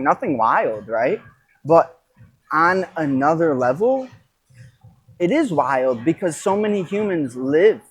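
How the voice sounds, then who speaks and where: A podcast host and coach delivers an off-the-cuff motivational monologue, emphatic and halting, with pauses and repetition. His voice is on the high side with a breathy edge, and the audio is poor.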